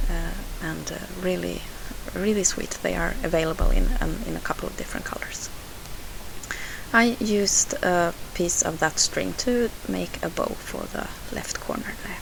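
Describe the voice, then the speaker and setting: A Swedish woman from Sweden, speaking with a Swedish accent, hosts a scrapbooking video and narrates the process. Her voice is fairly low and creaky, and the voice-over is hesitant, full of "uh" fillers and restarts. It was recorded at home and has a hiss.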